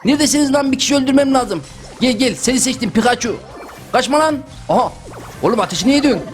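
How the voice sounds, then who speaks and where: A young man giving loud, joking, exclamatory commentary while playing a mobile game. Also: extremely high pitch, animated, quick pace, soft background music. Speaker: gaming YouTuber. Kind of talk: excited gameplay commentary.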